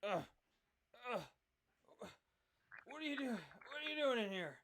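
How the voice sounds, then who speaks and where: A man's voice: animated, unhurried, fairly bright tone, a little hiss or hum, exaggerated voice. A man voicing a groggy, hostile male elf held captive, groaning and threatening. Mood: groggy menace. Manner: groaning, threatening, shrill when hurt.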